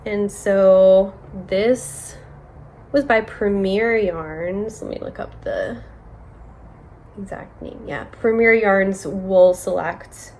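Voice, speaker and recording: A young woman chatting casually on her knitting vlog, rambling with many fillers and quick self-corrections. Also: medium pitch, a little hiss or hum. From United States. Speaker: knitting vlogger. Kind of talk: casual show-and-tell chat.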